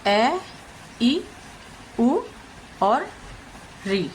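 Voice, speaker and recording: Woman teacher going thru exam questions super slowly, lots of pauses, bit of hiss. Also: a little high, very animated, poor audio. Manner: slow, deliberate, repeats answers with frequent hesitations. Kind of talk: exam question walkthrough lesson.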